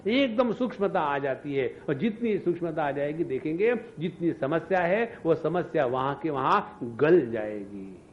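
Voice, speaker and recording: A man giving a scripture discourse as a spiritual teacher, animated, asking rhetorical questions and chanting mantras. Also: fairly high pitch, unhurried, hardly any pauses, highs cut off, slight background noise.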